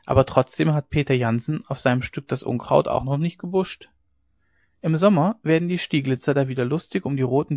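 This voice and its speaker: A man's voice: medium pitch, creaky, darkish tone, no room sound, natural voice. A man voicing an earnest, plain-spoken young farmhand.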